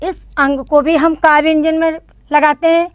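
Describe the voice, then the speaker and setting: High-pitched lady teacher going slow, says each sound twice for the kids, dry close sound. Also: level tone. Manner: slow, patient, repeats each sound for children to echo. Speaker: kindergarten teacher. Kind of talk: online lesson teaching Hindi vowel signs.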